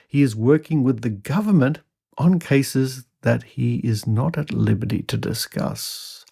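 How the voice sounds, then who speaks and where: A man with a gravelly, creaky voice reads an old article aloud as a podcast host. He is mid-pitched and drops in wry comments between passages. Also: mellow. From Australia. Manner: wry asides while reading. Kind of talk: reading an old news article aloud with asides.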